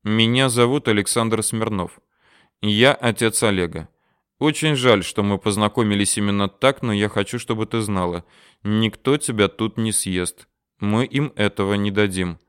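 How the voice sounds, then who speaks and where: A man's voice: fairly low pitch, normal speed, a bit bright, clear, resonant tone, no room sound, clean studio sound, natural voice. A man voicing a wry, defiant older father who teases and stands his ground.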